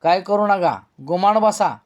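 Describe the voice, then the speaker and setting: A blunt rustic village headman from a storybook, talking in a slow country drawl, as a male narrator puts him on. The voice is fairly high and carries a rough, no-nonsense weight. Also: darkish tone, highs cut off.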